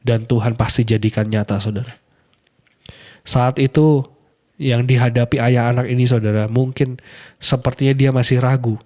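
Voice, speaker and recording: A male pastor preaching a sermon in an earnest way, stretching key phrases slowly and often turning to address his listeners directly. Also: medium pitch, steady tone, dark tone. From Indonesia. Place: radio program.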